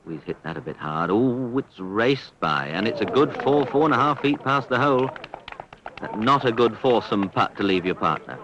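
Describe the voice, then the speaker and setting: A man giving measured, understated golf commentary on a 1970s archive sports broadcast. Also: medium pitch, animated, dull audio, background noise. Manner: understated, measured descriptions with appreciative exclamations.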